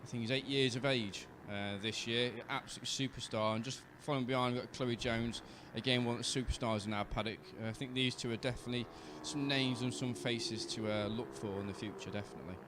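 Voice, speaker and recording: A man with a British accent, a rider working as co-commentator, explaining racing in a relaxed way with many fillers. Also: medium pitch, fast, few pauses, noisy background. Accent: British English. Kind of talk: live race commentary. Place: outdoors at a racetrack.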